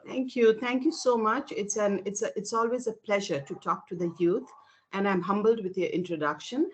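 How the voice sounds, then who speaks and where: A woman in her sixties from Nepal, answering interview questions over a video call in a thoughtful way, often pausing with fillers and restarting her sentences. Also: mid-range voice. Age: 60s. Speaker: interview guest, women's rights activist.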